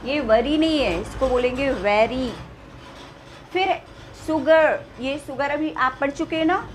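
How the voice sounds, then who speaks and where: A woman teaching spoken English with an Indian accent, repeating each word slowly and checking in with her students. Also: sits high, fairly bright tone.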